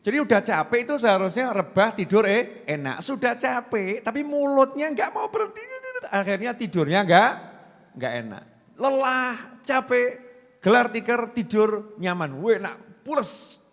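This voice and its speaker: A man's voice: high voice, big pitch swings, moderate pace, a bit bright. A man preaching a folksy, joking sermon, often putting questions to his audience. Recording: long reverb from a hall.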